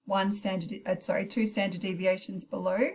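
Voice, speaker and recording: A woman gives an informal maths tutorial in a mid-pitched voice. She thinks aloud as she works through each calculator step, with small self-corrections and quick apologies along the way. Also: little pitch movement, darkish tone, slight background noise. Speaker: maths teacher. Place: recorded while heavy rain pours outside.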